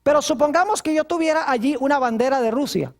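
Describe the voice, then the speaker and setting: A man's voice: very high-pitched, fast. A man preaching a sermon as pastor, asking his congregation rhetorical questions.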